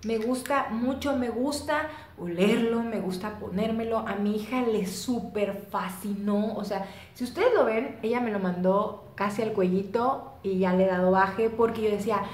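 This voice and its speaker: A young adult woman with a Mexican accent, chatting casually and excitedly as she reviews a perfume, full of slang and fillers. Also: medium pitch, normal speed, roomy sound. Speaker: beauty vlogger reviewing perfume. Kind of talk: casual chat.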